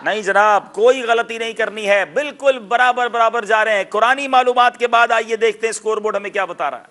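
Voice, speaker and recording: A quiz show host on television speaks in a high, bright, forceful voice. Lively and teacherly, he explains how words should be pronounced and gets loud when announcing a correct answer.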